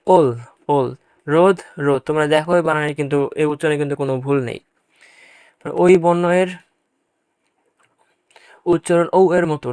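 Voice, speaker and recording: With a fairly high, darkish and smooth voice, a man patiently takes students through Bangla pronunciation for exam prep, repeating each example word and highlighting points common in exams. He talks to them directly, and the studio sound is clean with no room tone.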